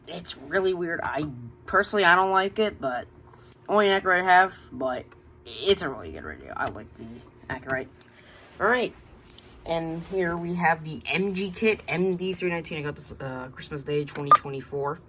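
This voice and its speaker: At home beside his shelves, a radio collector gives an unscripted, casual tour of his collection, rambling, hesitating, and often trailing off. His mid-range voice sounds pushed and bright. The amateur recording is noisy.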